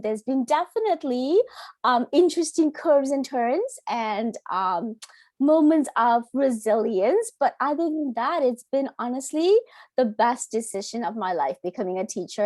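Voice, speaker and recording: A woman, a teacher chatting earnestly as a podcast guest, often pausing on "um". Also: sits high, lively intonation, no echo, clean studio sound. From Canada. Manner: warm, earnest, with frequent "um" fillers. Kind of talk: casual interview chat.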